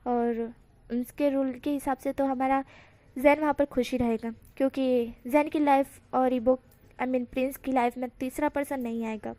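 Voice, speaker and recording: A cautious middle-aged father talks calmly with small hesitations, as a woman narrator puts him on. The voice stays high and the sound is dry. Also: normal speed, no room sound, close to an everyday voice.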